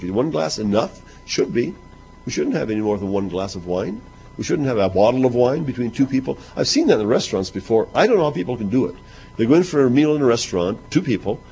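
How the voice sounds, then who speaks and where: A man's voice: medium pitch, creaky, warm tone, a little hiss or hum. A man preaching a sermon to his congregation. He talks conversationally, repeats himself and asks rhetorical questions. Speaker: minister. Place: church hall. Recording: muffled lo-fi recording.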